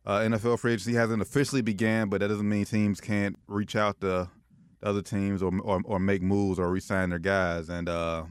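Smooth, low-voiced male sports talk host. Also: level tone, moderate pace, dry recording, studio quality. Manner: slangy, repeats phrases for emphasis. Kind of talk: casual sports banter.

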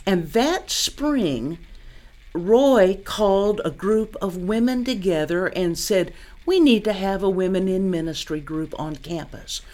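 Unhurried woman in her late sixties. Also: mid-range voice, expressive, darkish tone. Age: 60s. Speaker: interviewer, storyteller. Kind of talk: casual reminiscing.

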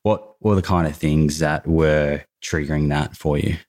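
A man hosting a podcast, asking measured questions and often repeating a word as he starts them. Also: very deep voice, steady tone, a little mellow. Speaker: podcast host. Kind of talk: interview questions.

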